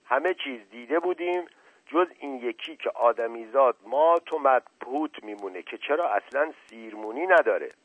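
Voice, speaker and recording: A man's voice: medium pitch, lively intonation, husky, dry recording, pitched above the performer's own voice. A man voicing a puzzled village headman who exclaims in a raised voice. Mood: bewildered. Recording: tinny phone-like dry recording.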